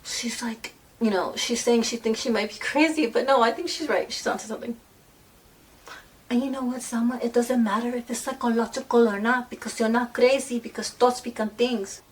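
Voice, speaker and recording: A woman's voice: on the high side, steady tone, moderate pace. A woman chatting casually as a beauty vlogger at home, rambling through asides and poking fun at herself. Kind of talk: casual chat while doing makeup. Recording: voice a bit far from the mic, faint noise.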